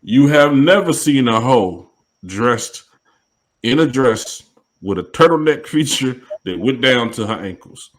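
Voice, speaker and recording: This is a man co-hosting a podcast in a casual, emphatic discussion, often asking "you know what I mean." His mid-range voice is animated yet a little slow. The recording is rough.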